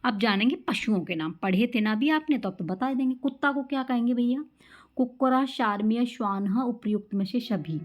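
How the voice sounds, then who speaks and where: A woman's voice: on the high side, normal speed, highs cut off. Female teacher, quizzing exam-prep lesson, close mic. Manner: quizzing, drills answers with catchphrases.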